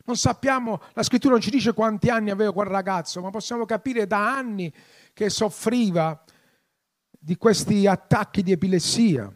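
A man preaching a sermon, passionate, swelling into loud, emphatic appeals. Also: high-pitched, moderate pace. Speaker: pastor.

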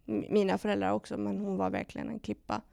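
A woman guest on a podcast, telling a personal story in lively detail with quoted dialogue and frequent hesitation fillers. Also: medium pitch, creaky, dry recording, clean studio sound. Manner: animated retelling with quoted dialogue and many fillers.

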